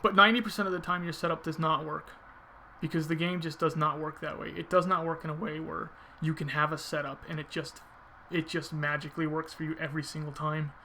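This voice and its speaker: A man's voice: fairly high pitch, little pitch movement, fairly quick, bright, forceful tone, a little hiss or hum. A man giving casual video game commentary, thinking aloud informally as he explains his technique.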